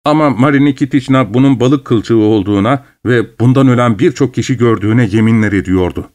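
A man narrating an audiobook story in a calm, measured reading voice. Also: medium pitch.

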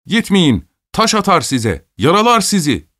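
A man voicing a gang of excited, jeering eleven-year-old schoolboys who shout and taunt. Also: fairly high pitch, moderate pace, no echo, clean studio sound, voice pushed up.

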